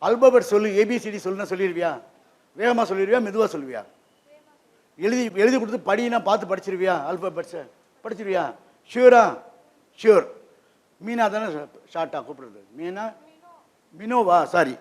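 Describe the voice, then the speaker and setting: A man giving an interactive lesson to children in a library hall, keeping them engaged with quick questions. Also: sits high. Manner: lively, keeps quizzing the audience with quick questions. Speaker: guest presenter at a children's program.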